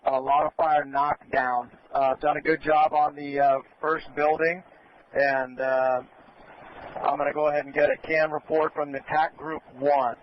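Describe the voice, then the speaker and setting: A male fire commander gives instructions on a dull-sounding radio channel with faint noise. His voice is slightly high and stays even in tone as he directs crews in an orderly, polite way. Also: normal speed. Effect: two-way radio.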